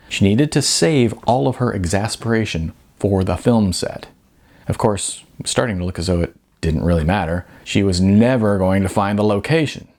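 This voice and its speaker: A man narrates the audiobook of his own novel, sounding expressive and conversational with a few hesitations. His voice is lowish, with some vocal fry.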